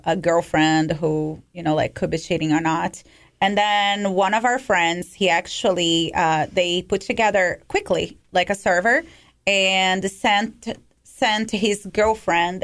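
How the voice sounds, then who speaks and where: A woman's voice: medium pitch, a bit bright. A woman with a slight non-native accent, a cybersecurity company head, speaking as a guest on a radio show in a casual style full of fillers. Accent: non-native English accent. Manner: casual, many fillers like "you know, like". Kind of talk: radio interview.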